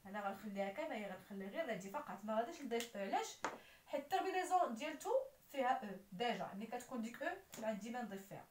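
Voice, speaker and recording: A woman's voice: on the high side, expressive, rapid-fire, slight background noise. A woman with a Moroccan accent explaining French grammar as a teacher, spelling out letters and verb endings. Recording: roomy echo, voice somewhat far from the mic.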